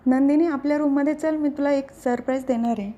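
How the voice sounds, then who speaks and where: A woman's voice: high voice, steady tone, fast, mellow, lightly acted. A woman voicing an earnest, playful young husband who explains himself to his family.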